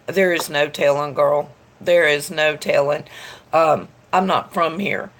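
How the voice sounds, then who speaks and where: This woman speaks in a low, unhurried voice, congested from allergies, as she chats with her tarot live stream audience. She rambles in a friendly way, reads comments out loud, and calls viewers by name, with a slight hiss or hum audible.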